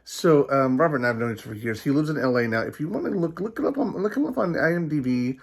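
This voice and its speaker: A man's voice: on the high side, animated, quick pace, slightly rough. A man hosting a casual vlog, rambling along with many ums and restarts. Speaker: host.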